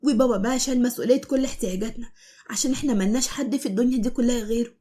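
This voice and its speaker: A woman's voice: a little high, rapid-fire, warm tone, lightly acted. A woman voicing a tearful eldest daughter, a university student, in an Egyptian cartoon story. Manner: tearful, pleading.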